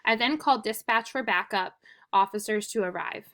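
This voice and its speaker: A woman's voice: medium pitch, moderate pace, a bit bright. A woman teacher reading a witness statement aloud to her class, plainly and evenly, with occasional restarts.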